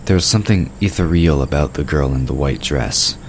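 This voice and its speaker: Scripted third-person narration for a fantasy audio drama is read by a man with a brisk bass voice. The recording clearly picks up the sound of crickets at night behind him.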